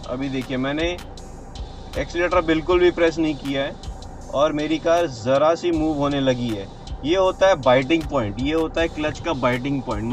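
Man teaching driving from inside a car. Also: fairly high pitch. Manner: explains step by step while driving, with many fillers and restarts. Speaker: driving instructor. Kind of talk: casual in-car driving tutorial. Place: inside a car on a city road. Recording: car and road noise behind.

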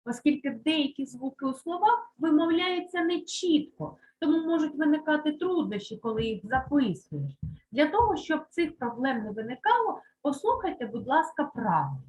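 Give me a woman primary teacher with a high, animated voice, speaking slowly and stressing each word for children. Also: poor audio. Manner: slow, emphatic, repeats words aloud for children. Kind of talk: Ukrainian lesson for third graders.

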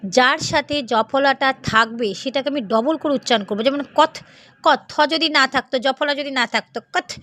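High-voiced woman sounding out syllables. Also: pushed and bright. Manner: slow, deliberate sounding out of syllables. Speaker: reading teacher. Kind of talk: spelling-out reading lesson.

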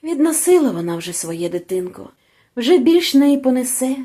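Tearful kind village landlady, soft and mellow, woman reading her out. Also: high-pitched, lively intonation, moderate pace, pitched above the performer's own voice. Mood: tearful pity. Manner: tearful, pitying.

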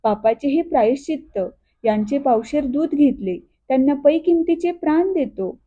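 A woman's voice: high voice, expressive, moderate pace, mellow. A woman reading the part of a remorseful, resolute young son speaking solemnly, in thin phone-like audio.

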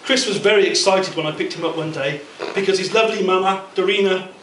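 The audio is distant, echoey and very noisy, full of loud room noise and guests, captured from across an indoor function room at a wedding reception. A high-pitched, middle-aged man gives his prepared, humorous best man speech through a handheld mic and PA speaker. He shares anecdotes with measured pauses.

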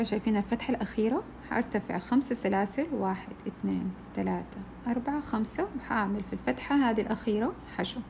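Gravelly woman counting crochet stitches. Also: a little high, a little mellow, slight background noise. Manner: counts stitches aloud, patient. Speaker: crochet teacher. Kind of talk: step-by-step tutorial.

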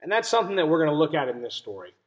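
Racing along in a very animated, fairly high voice, a young adult man gives young children a read-aloud lesson with simple explanations and stressed key words. The low-quality audio comes from a webcam or laptop mic at arm's length in a small room at home.

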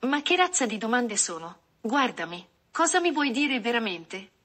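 A nervous, affectionate young male student, read aloud by a woman. His lines come out pleading and anxious, in a fairly high voice. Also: sing-song, moderate pace, a bit bright.

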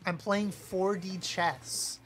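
A woman streaming a live game, trash-talking playfully, apologizing to teammates and suddenly yelling when a play goes wrong. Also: mid-range voice, steady tone, slow pace, soft background music. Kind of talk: live gameplay commentary.

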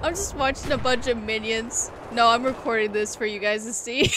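A woman's voice: fairly high pitch, moderate pace, noisy background. A woman hosting a gaming channel, giving laughing, exclamatory commentary as she plays an online shooter with friends. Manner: giggly, exclamatory, amused. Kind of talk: laughing live gameplay commentary.

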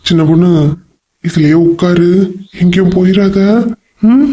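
Someone voicing a calm, reassuring young man. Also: mid-range voice, unhurried, close to an everyday voice. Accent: Kanyakumari Tamil. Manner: reassuring, patient. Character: caring young man soothing his family.

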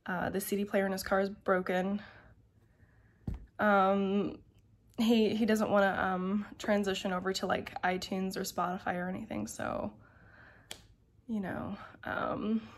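A young woman vlogs to camera from her bedroom, her mid-range voice flat and slow with long pauses. Her casual chat meanders, full of ums and likes.

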